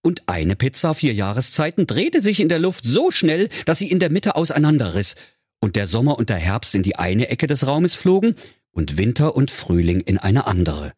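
A man's voice: mid-range voice, very animated, normal speed, breathy edge, dry recording. Brief: male storyteller, mock-solemn comic reading, dry close sound. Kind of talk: comic fairy-tale reading.

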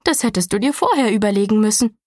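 A woman's voice: medium pitch, animated, fast talker, darkish tone, no room sound, close to an everyday voice. A bossy young girl, as a woman narrator puts her on, insisting in a lecturing tone. The storybook voice sits close and dry, with no room sound. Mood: insistent. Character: strict young girl, bossy twin sister.

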